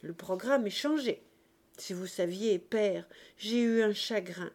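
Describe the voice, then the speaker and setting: Woman reading young woman, loving, eager, raised pitch, slow-paced, mellow. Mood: cheerful. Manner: bright, pleading, raised voice.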